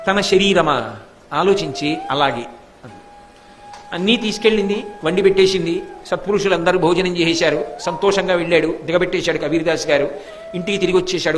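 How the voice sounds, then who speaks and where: A man with a Telugu accent giving a devotional sermon, telling a story dramatically and voicing its characters. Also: sits high.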